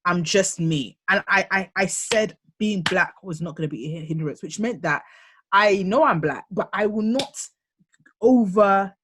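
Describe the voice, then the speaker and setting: A young woman co-hosting a candid discussion podcast, talking in halting bursts with many restarts as she searches for words. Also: medium pitch, a bit bright, a little hiss or hum. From United Kingdom. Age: young adult. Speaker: podcast co-host.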